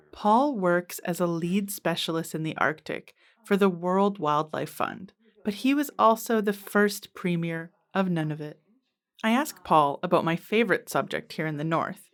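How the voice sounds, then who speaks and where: A woman reading scripted documentary narration as the host. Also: on the low side.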